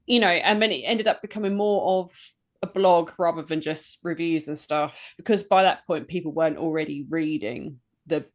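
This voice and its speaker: A British woman co-hosting a metal podcast, chatting casually, laughing often and pausing to search for words. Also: fairly low pitch. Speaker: podcast co-host and metal blogger.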